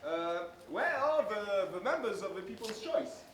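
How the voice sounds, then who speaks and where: A man's voice: sits high, lively intonation, measured pace, fairly bright tone. A man acting a race commentator in a student stage play, addressing the audience like an announcer. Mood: announcing. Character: excitable male race commentator. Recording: echoey hall from far off, noisy.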